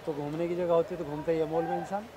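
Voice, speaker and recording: A young man playing a boyfriend in a comedy skit who argues defensively and scolds in rough slang, outdoors on a city street. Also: fairly high pitch, little pitch movement, rapid-fire, lo-fi sound, crowd noise. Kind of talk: acted street skit argument.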